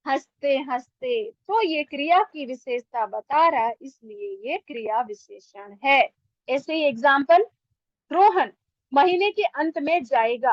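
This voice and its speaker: A young woman teaches grammar in a high voice, asking her class questions and answering them herself, with English words sprinkled through her Hindi. The sound is dry and a little dull, like a home lo-fi recording. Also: no room sound. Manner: asks and answers her own questions, repeating example sentences. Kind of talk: explaining grammar to students.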